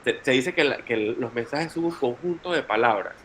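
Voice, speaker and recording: A man's voice: medium pitch, expressive, brisk, a bit bright, slight background noise, rough recording. A man with a Panamanian Spanish accent leading a teacher training session, explaining at length and calling on participants by name. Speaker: workshop facilitator.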